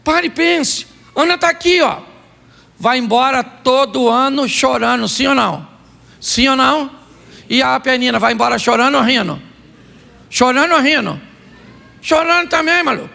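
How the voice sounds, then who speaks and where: A man preaching with a strikingly high, gravelly voice that swings up and down all the time. His tone is bright and forceful, and he drives his sermon with rhetorical questions and playful jokes. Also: normal speed. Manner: animated preaching with rhetorical questions and comic asides. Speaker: pastor. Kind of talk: humorous sermon.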